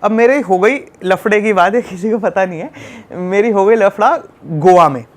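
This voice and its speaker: A man from Delhi, a travel vlogger, telling a road-trip fight story in an animated, casual way. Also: sits high, moderate pace. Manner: animated, acts out shouting in the retelling. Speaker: travel youtuber guest.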